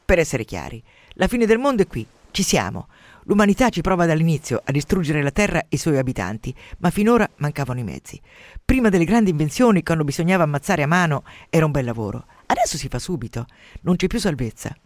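A man's voice: on the high side, dry recording. A man reading aloud, voicing a sleepy, jaded male psychoanalyst who speaks bluntly and cynically. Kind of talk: radio story reading.

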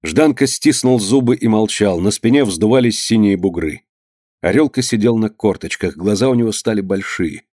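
A man's voice: lowish voice, darkish tone, dry recording. Brief: a male narrator reading a dramatic tale evenly, dry and close to the mic. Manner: measured, dramatic reading that voices the figures. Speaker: audiobook reader. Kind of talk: storytelling narration.

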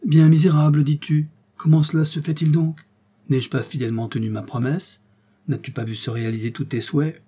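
A calm, knowing mysterious stranger, as a man plays him. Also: medium pitch, husky, lightly acted. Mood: probing. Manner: gently questioning, measured.

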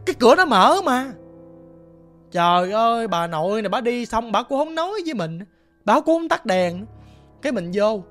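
A man's voice: very high voice, sing-song, moderate pace, soft background music. Chatty Southern Vietnamese male storyteller. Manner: chatty, colloquial, dramatic swings between hushed and loud. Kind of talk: spoken ghost story narration.

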